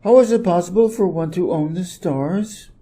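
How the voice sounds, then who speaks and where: A man's voice: high voice, normal speed, mellow, slightly rough, pitched above the performer's own voice. A man voicing a curious, persistent young boy prince in a storybook, innocent and full of questions. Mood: innocent, questioning. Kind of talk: storybook character reading.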